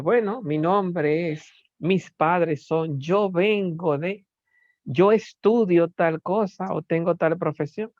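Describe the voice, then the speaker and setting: A lecturer teaching a class at an unhurried, deliberate pace, often stopping to search for the next word. The delivery leans on rhetorical questions. The recording is dull and lo-fi, with a dry, close sound. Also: medium pitch, a little mellow, dry recording.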